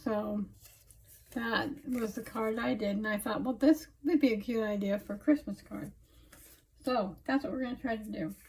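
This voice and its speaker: A woman's voice: on the high side, darkish tone, a little hiss or hum, low-quality recording. A woman hosting a casual, chatty craft tutorial, talking without her teeth in, so her words come out a little slurred, in a homely, rambling way. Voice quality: toothless, slightly slurred articulation. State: recovering from surgery affecting her speech.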